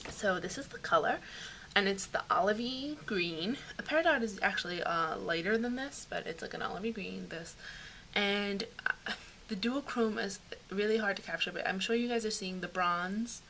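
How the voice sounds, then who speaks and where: Bright, chatty young woman vlogger. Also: mid-range voice, a little hiss or hum. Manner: chatty, rambling, many fillers. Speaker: beauty vlogger. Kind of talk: casual product review chat.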